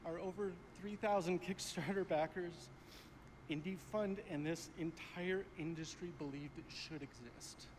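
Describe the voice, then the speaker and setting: Earnest high-voiced man, slow speech. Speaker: award winner giving a speech. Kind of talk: acceptance speech. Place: large awards hall stage. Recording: echoey hall with faint noise, played from a broadcast.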